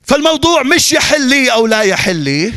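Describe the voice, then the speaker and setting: A man's voice: very high-pitched, very animated, a little fast, pushed and bright. A male pastor with a Levantine Arabic accent, preaching emphatically and repeating his points with rhetorical questions. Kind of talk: sermon. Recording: long reverb of a large hall.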